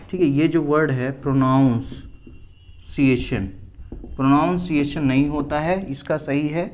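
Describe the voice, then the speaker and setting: Indian male tutor, slightly high voice, patient and repetitive classroom delivery. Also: slight background noise. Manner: explains slowly, repeats words, keeps asking "ठीक है?". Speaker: English teacher. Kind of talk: classroom grammar lesson at a board.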